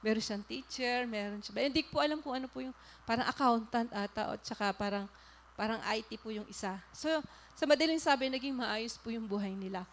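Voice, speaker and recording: A woman pastor from the Philippines preaching with a fairly high voice. She tells her story with animation and turns to the congregation with questions, earnest and polite. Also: brisk. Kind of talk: sermon with storytelling.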